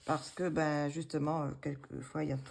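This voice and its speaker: Woman, low husky-gravelly voice, mellow, hesitant casual chat, faint hiss. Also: level tone, normal speed. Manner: hesitant, many fillers and restarts, self-deprecating. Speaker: coloring book vlogger. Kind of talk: casual show-and-tell of her coloring books.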